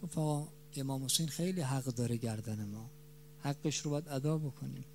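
A man preaching a mourning sermon, his voice swelling loud and dropping soft, stretching key words slowly for emphasis. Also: mid-range voice, a little hiss or hum.

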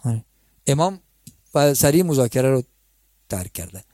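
A man's voice: medium pitch, very animated, warm tone, no room sound, studio quality. A male preacher telling a religious story in a conversational way, turning to address his listeners as friends. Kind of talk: storytelling sermon.

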